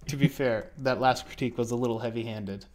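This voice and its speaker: A man's voice: mid-range voice, steady tone, quick pace, a little mellow. A man co-hosting a casual online art critique stream, joking and rambling as he corrects himself mid-sentence.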